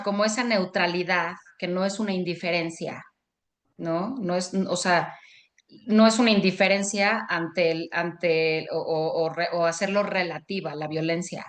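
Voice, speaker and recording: A woman, a student asking a question in an online class on a video call. She hesitates, restarts often and fills pauses. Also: fairly low pitch, fairly even intonation. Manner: hesitant, many restarts and fillers.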